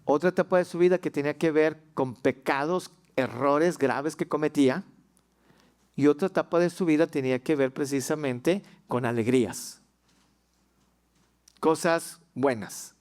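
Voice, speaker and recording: A man's voice: a little high, measured pace, darkish tone. A man with a Mexican accent preaching a sermon as pastor in a folksy, humorous way that grows fervent, in a church. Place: church sanctuary.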